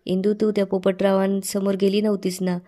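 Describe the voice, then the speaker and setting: A concerned young woman from a TV serial questions the family, as a woman narrator reads her lines. She sounds inquiring and level, with a soft, dark tone. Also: medium pitch, little pitch movement, brisk, close to an everyday voice.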